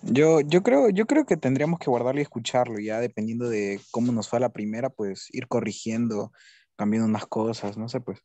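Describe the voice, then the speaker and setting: A young Peruvian man answering his teacher in short, unsure bits. His voice is dark and mellow. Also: mid-range voice, animated, a little fast, dry recording. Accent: Peruvian Spanish. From Peru. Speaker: student.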